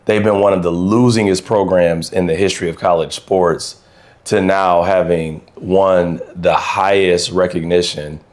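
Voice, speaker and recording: A middle-aged man co-hosting a podcast, his voice hoarse from yelling, telling the story in a relaxed, steady way while recording on location. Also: deep voice, moderate pace. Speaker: podcast co-host. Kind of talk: casual chat. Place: on location, not in a studio.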